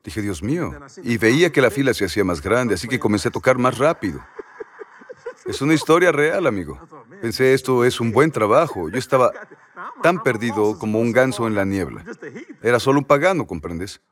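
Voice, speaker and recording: A man's voice: medium pitch, animated, fairly quick. A man preaching a sermon, telling personal stories, acting out quoted voices and asking the audience rhetorical questions.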